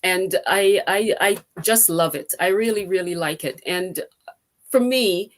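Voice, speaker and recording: A woman's voice: lowish voice, measured pace. A middle-aged woman from Jamaica speaking as a guest on an online forum over a video call, grateful and chatty with many fillers. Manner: warm, grateful, with frequent fillers.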